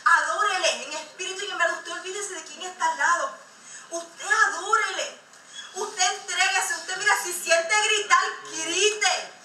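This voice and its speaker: High, bright-voiced woman preaching fervently. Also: steady tone, a little slow, slight background noise. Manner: impassioned, exhorting preacher. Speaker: church member giving testimony. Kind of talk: fervent testimony sermon. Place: church service. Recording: echoey room, mic far off.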